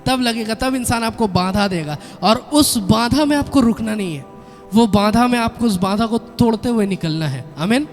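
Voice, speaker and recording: A man preaching a sermon with a notably high voice, pressing his points and punctuating them with amen and hallelujah. His words ring out in a reverberant hall while faint music plays underneath. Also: expressive, normal speed. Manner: mixes Hindi with English words and Bengali sayings. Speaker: pastor.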